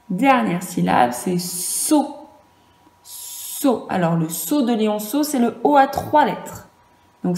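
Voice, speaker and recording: Teaching young children online, this French-accented primary school teacher patiently sounds out letters and syllables. She has a fairly high pitch and a darkish tone, and the audio sounds roomy.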